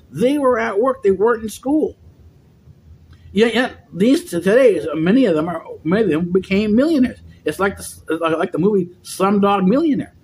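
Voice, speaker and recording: High-voiced middle-aged man lecturing. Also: a little mellow, slightly rough. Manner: lecturing, with frequent restarts and repeated words. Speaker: vlogger. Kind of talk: rambling monologue. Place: dim indoor room.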